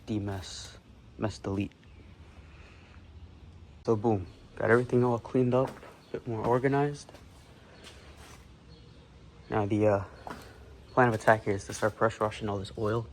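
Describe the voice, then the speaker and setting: A man's voice: on the low side, slight background noise, poor audio. A young man narrating a casual car-build vlog in his home garage, laid-back and swearing freely, recorded on a camera mic.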